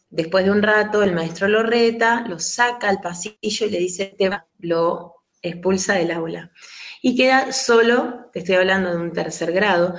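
A woman with a Rioplatense Spanish accent, an interview guest speaking earnestly and explaining at length in a conversational way. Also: mid-range voice. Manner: earnest, explanatory, acts out quoted voices. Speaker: guest speaking on child rearing.

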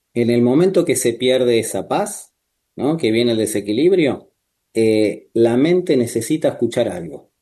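A man talks as a therapist in a calm, measured way, often tagging his points with short questions. His voice is mellow and dark, at a middle pitch. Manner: measured, with frequent tag questions. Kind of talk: calm explanatory talk.

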